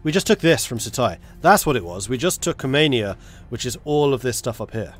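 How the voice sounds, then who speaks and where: With an animated, medium-pitched voice and a slightly quick pace, a man nursing a cold gives casual live commentary on a strategy game. He sounds congested, chatting with viewers and muttering through his planning.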